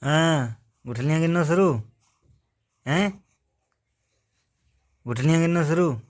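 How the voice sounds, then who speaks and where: A man, coaxing a baby in a casual home vlog with slow, repetitive baby talk. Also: a little high. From Uttar Pradesh. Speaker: vlogger.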